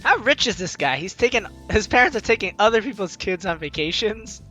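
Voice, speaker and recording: This gaming channel host has a mid-range voice and talks a little fast. She reads game text aloud during a relaxed let's play with game music behind her, offering lively, talkative reactions to the story.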